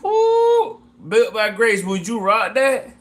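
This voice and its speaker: A man with a high, bright, forceful voice chats casually and unhurriedly with his viewers. He talks loosely, circles back over the same phrases and keeps addressing someone as "sis". Excited whoops and chuckles break up his talk. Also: slow pace. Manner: exclamatory whoops and laughs. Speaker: fashion designer pitching his brand. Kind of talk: casual live chat with viewers.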